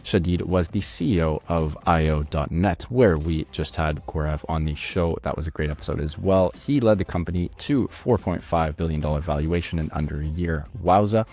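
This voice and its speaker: A man hosting a podcast interview from Canada, talking in a hyped, slangy, energetic way. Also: very deep voice, moderate pace, hardly any pauses, soft background music. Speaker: podcast host.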